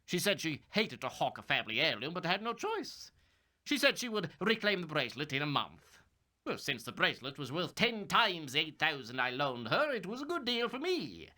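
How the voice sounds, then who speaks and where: A grumpy old pawn shop guy, curt, bright and bouncy voice. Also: fairly high pitch, very animated, normal speed, full character voice. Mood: complaining. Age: older. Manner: gruff and curt. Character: crusty old male pawn shop owner, gruff and curt. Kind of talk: 1990s game voice acting.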